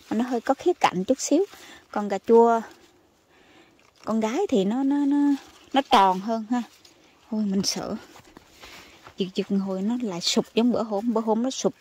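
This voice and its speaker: A woman from Vietnam, chatting excitedly to her viewers as she picks vegetables in her home garden outdoors. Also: a little high, breathy edge. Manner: chatty and exclamatory, calls viewers family. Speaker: gardening vlogger. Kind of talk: casual chat to viewers while harvesting.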